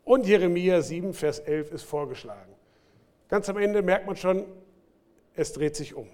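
Male pastor, slightly high voice, animated sermon delivery with big swings in volume. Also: normal speed. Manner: lively preaching with sudden loud bursts and quiet drops. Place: church.

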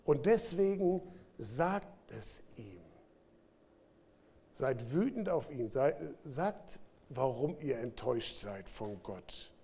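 A man preaching a sermon to his congregation, speaking with lively swings between loud bursts and quiet asides. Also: medium pitch, takes it slowly, husky. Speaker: pastor. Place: church.

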